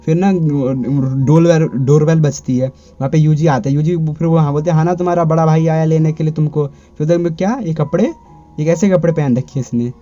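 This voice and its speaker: A man's voice: on the high side, fairly even intonation, brisk, warm tone, faint music behind. A man casually retelling an anime episode, stringing events together in a rambling way with frequent restarts. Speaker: anime recap narrator. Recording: dull lo-fi recording.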